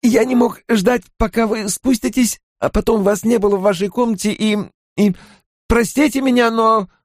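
A man's voice: high voice, no echo, pitched above the performer's own voice, close to an everyday voice. A nervous, over-eager innkeeper in an audiobook, put on by a male narrator. He speaks in a raised, thin voice, breathless and stumbling, always apologising. The recording is dry and close. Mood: flustered. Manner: breathless, hurried, stammering. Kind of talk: audiobook character voice.

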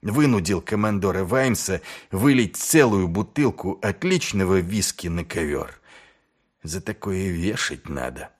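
A man voicing a weary, sardonic middle-aged male watch commander in an audiobook, speaking low and dry. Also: expressive, a little slow. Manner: dry, mocking, low and subdued.

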